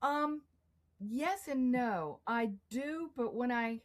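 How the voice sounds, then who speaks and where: Casting: middle-aged woman, chatty interview guest, animated storyteller who acts out quotes. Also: a little high, slow. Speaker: guest artist. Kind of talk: casual interview conversation.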